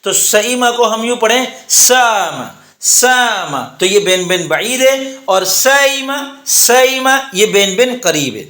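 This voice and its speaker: A man teaching Arabic grammar in a methodical lesson, saying example words slowly and repeating them. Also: high-pitched, animated, fairly bright tone. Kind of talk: explanatory lesson. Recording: echoey room.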